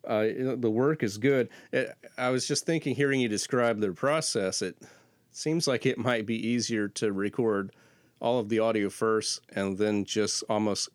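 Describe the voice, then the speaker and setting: A man's voice: lowish voice, no room sound, clean studio sound. A man interviewing a guest, asking easygoing questions and giving short acknowledgments. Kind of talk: casual interview chat.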